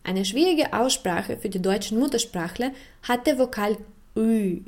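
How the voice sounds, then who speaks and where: A woman giving scripted educational narration, explaining things in a clear, measured way with carefully spoken example words. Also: a little high, animated, a little mellow. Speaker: narrator of a language feature.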